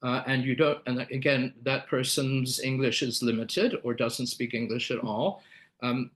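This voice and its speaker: During a live webinar talk, a man explains his material at an unhurried pace, correcting himself and using many fillers and restarts along the way. He has a mid-range, slightly bright voice.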